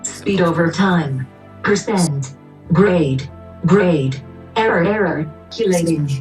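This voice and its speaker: A woman's voice: fairly low pitch, slow pace, a little mellow, recorded from a distance. A woman doing a robotic computer processing. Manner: clipped one-word machine readouts. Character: robotic computer processing data, monotone and mechanical. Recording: roomy echo from off-mic with music.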